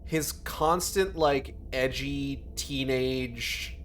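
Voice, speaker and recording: A man's voice: medium pitch, drawn-out words, fairly bright tone. Guy streaming a game, sarcastic and sweary, takes his time talking, bit of noise behind. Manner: sardonic, sweary. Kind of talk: sarcastic running commentary on a game.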